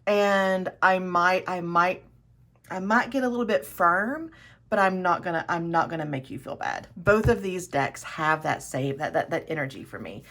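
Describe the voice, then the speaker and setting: A woman's voice: lowish voice, animated, normal speed, a bit bright. A woman hosting her own tarot video, chatting casually and enthusiastically, often restarting her sentences as she rambles. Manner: rambling, self-correcting, enthusiastic. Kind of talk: casual chat to camera.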